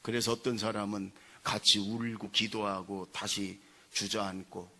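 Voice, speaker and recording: A male pastor preaching a sermon in church, telling stories with acted-out quotes and building to loud emphasis. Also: lowish voice, level tone, measured pace. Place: church sanctuary.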